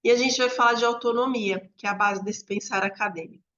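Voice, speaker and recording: A Brazilian woman training teachers, explaining classroom methods step by step in a conversational way, often checking in with a quick "né?". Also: on the high side, fairly even intonation, bright, forceful tone. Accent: Brazilian Portuguese. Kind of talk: instructional talk to teachers. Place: home room near a street. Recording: slightly dull lo-fi audio.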